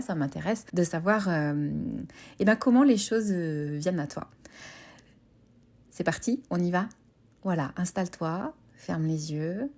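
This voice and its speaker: A woman with a breathy, husky voice gently and informally introducing a guided meditation, reassuring and a little hesitant. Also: on the low side.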